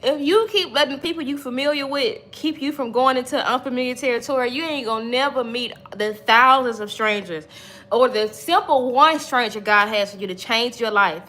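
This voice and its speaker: Speaking at a normal pace, the thirtysomething woman has a slightly high voice that sounds pushed and bright. She hosts a livestream, preaching faith-based motivation with emphasis and repetition and chatting with those watching.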